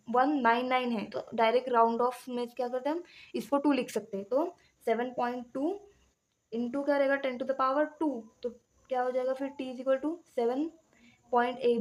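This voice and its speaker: A woman's voice: a little high, a little mellow. A woman teaching chemistry, working through a numerical problem step by step and asking the class questions, with fillers and self-corrections.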